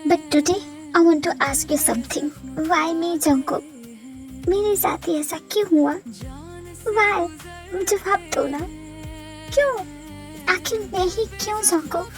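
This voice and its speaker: A woman's voice: extremely high pitch, takes it slowly, pauses often, soft background music, exaggerated voice. A woman voicing a heartbroken young wife who pleads tearfully and emotionally in a fan-dubbed romantic audio drama. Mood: anguished.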